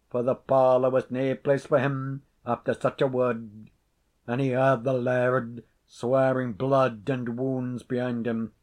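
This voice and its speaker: A man giving a dramatic reading of a classic tale, telling it in a slow, deliberate way. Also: medium pitch, darkish tone. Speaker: storyteller.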